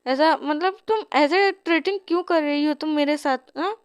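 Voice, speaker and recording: A woman's voice: high voice, normal speed, no room sound, studio quality, lightly acted. A woman voicing a proud young prince from a romance comic, firing off indignant questions. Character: young male prince, proud, easily annoyed.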